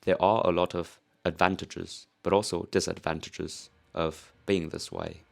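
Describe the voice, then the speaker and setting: A young South Korean lifter, Korean by native language, narrates his powerlifting vlog in a deep, gravelly voice that barely shifts in pitch and moves a little slowly. He affects a British-leaning English accent, swears casually and is open about laughing at himself.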